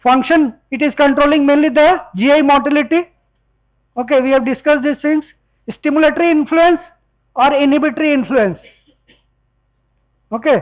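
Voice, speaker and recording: High-voiced male lecturer, tinny recording. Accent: Indian English. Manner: explains step by step, asks students rhetorical questions. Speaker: physiology lecturer. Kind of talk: classroom lecture mixing Hindi and English.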